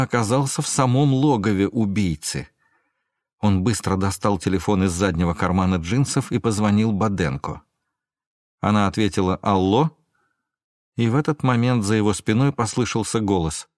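A man narrating a thriller audiobook in a measured, steady way. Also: fairly low pitch, no room sound, studio quality.

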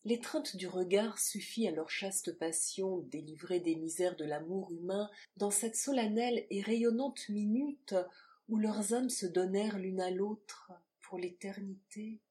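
A woman narrating a classic novel aloud in a measured, expressive literary reading. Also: mid-range voice. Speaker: audiobook reader.

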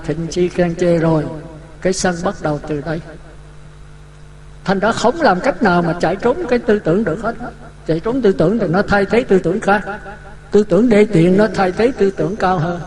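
A man's voice: high voice, normal speed, darkish tone, slight background noise. A man giving a Buddhist dharma talk, vivid and full of rhetorical questions. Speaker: Buddhist monk teaching. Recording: echoey hall.

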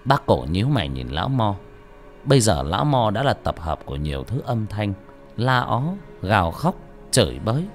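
Cast: male storyteller with a low voice, very lively intonation, faint music behind. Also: moderate pace. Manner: expressive, dramatic. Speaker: audiobook narrator. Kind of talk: dramatic story narration.

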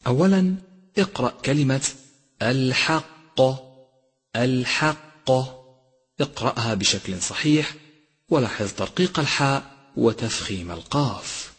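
A man teaching Quran recitation, slowly and carefully sounding out each example word. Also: medium pitch, very animated, slightly rough, soft background music. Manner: slow, deliberate demonstration of pronunciation. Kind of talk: instructional lesson with recited examples. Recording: long hall reverb.

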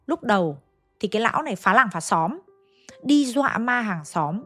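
A woman spins a ghost story in a loose, gossipy voice, speaking to listeners like friends. Soft music plays faintly underneath. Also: on the high side, lively intonation, moderate pace. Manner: chatty, colloquial, addressing listeners.

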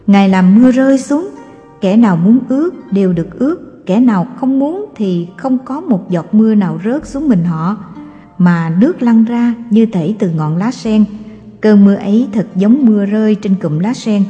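A woman narrating a Buddhist scripture in a measured, solemn reading, slowing into sing-song verse. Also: medium pitch, animated, dark tone, highs cut off. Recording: long hall reverb with faint music.

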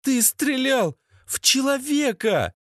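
A man reading an audiobook, voicing a demanding young woman who panics and pleads in a shrill, high voice. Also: big pitch swings, slow, no room sound, studio quality, full character voice. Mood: shocked.

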